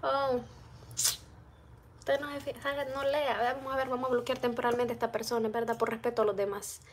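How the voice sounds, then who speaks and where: A middle-aged woman from El Salvador, a vlogger, chats casually on a phone live stream while cooking in her home kitchen and reading viewers' comments aloud. Recorded close-up on the phone camera with slight background noise, her voice is fairly high, level and brisk.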